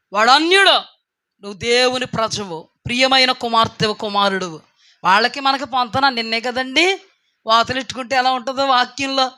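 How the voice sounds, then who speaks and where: High, bright woman preaching. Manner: emphatic, rising to loud exclaims and dropping to quiet asides. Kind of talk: sermon.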